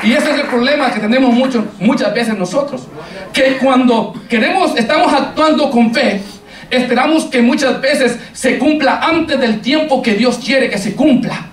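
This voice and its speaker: A man preaching a sermon to a congregation, halting and repeating words as he searches for them, and addressing his listeners directly. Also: extremely high pitch, some chatter behind. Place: church hall. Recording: echoey room, far from the mic.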